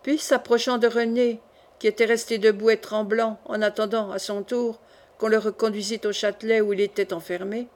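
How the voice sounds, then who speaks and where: A woman narrating a classic novel as an audiobook in a steady storytelling manner. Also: a little high, moderate pace. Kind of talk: scripted narration.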